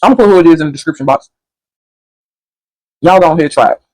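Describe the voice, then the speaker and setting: A woman chats through a food review at home, quick and sassy, rambling from one thought to the next and talking between bites. Her voice is recorded close and dry, with no room sound. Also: deep voice, expressive, a little mellow, dry recording, rough recording. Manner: sassy, rambling, talks while chewing. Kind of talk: casual chatty food review.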